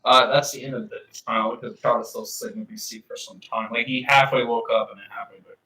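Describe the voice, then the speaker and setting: A man narrating as game master in a halting way, stopping and restarting often. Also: medium pitch, steady tone, sharp tone. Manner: halting, full of restarts and fillers. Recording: echoey room, mic far off.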